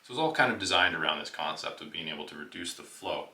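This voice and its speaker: Male vlog host, very low but bright voice, informal and loose delivery, slightly echoey recording. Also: animated, fast. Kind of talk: casual outdoor vlog chat.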